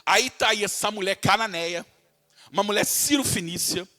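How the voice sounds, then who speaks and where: A Brazilian pastor with a high voice preaches with passion. He often speaks to his listeners as dear ones. His tone is bright and forceful. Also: normal speed. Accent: Brazilian Portuguese. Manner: impassioned preaching, calls listeners "querido", acts out voices from the text. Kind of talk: sermon.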